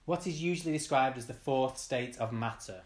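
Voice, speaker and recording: A man's voice: medium pitch, a little fast. A man hosting a casual quiz, reading each question out and repeating it. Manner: upbeat, reads questions twice. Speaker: quiz host.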